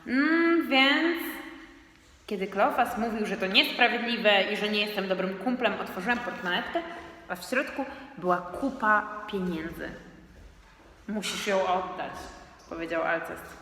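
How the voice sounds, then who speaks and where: A woman's voice: mid-range voice, moderate pace, pushed and bright. Woman reading a storybook aloud. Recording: echoey room, long reverb, faint noise.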